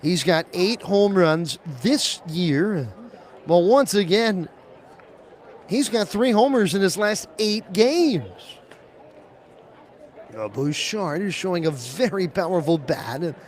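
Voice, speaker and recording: A man calling a baseball game as play-by-play announcer on the radio, rising to excited calls on big pitches. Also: slow pace.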